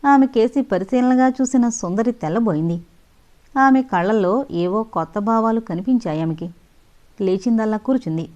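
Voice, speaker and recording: A woman narrating an audio novel in a steady, measured reading voice. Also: on the high side, lo-fi sound.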